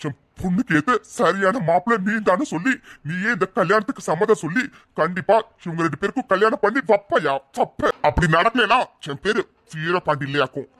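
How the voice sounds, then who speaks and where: A man's voice: sits high, lively intonation, fairly quick, hardly any pauses, a bit bright, no room sound. A man voicing a defiant, boastful village man in a cartoon, talking in a challenging, swaggering way. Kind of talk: cartoon voice acting.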